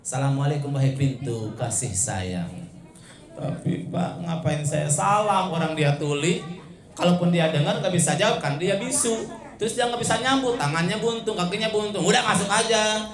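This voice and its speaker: A man with a Sundanese accent voicing a worried, timid young bachelor who pleads in a softer voice. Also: high voice, normal speed, natural voice. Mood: resigned. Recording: echoey, distant, crowd noise.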